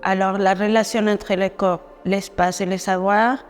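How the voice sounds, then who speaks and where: Slow-woman, long echoing reverb. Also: mid-range voice, flat delivery. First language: Spanish. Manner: deliberate, halting non-native French phrasing. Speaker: artist presenting their exhibition. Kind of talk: guided exhibition talk. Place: echoing gallery stairwell and rooms. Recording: long echoing stairwell reverb, music underneath. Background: music.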